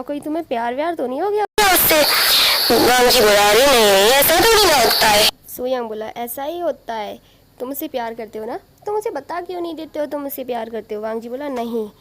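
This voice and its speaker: A woman's voice: high voice, a little mellow. A woman narrating a fan story in a casual, chatty way, with asides and restarts as she reads out the characters' lines. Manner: informal retelling with asides and restarts. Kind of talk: casual fanfiction retelling.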